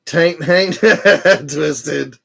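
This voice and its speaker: A man's voice: on the high side, very slow, creaky, pushed and bright. A man, chatting casually on a livestream and reading viewer comments aloud. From Texas. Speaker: paranormal livestream host.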